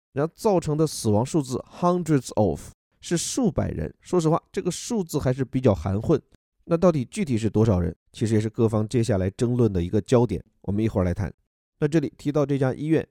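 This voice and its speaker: A man teaching how to read English news, patiently explaining each word and reading quotes slowly. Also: medium pitch, warm tone, no echo, studio quality.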